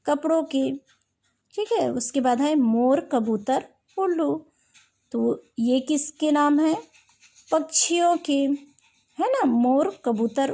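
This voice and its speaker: A woman's voice: sits high, warm tone. A woman teacher giving a primary-school lesson, patiently asking questions and answering them herself. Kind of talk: recorded class lesson.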